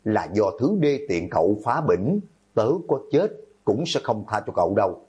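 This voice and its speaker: A man voicing a doomed teenage schoolboy who shouts accusations at his classmates, in a horror audiobook. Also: lowish voice, very animated, normal speed, slightly rough, dull audio, exaggerated voice. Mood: enraged.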